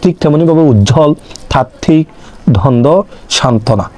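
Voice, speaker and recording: A man's voice: mid-range voice, moderate pace, mellow. A young man tutoring online, explaining a grammar lesson step by step and answering his own questions. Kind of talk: exam-prep grammar lesson.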